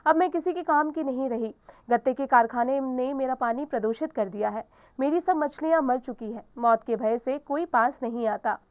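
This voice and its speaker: A woman's voice: high-pitched, moderate pace, dull audio, lightly acted. A woman reading the part of a dying, polluted river as a weary female figure, in a sorrowful, pleading manner.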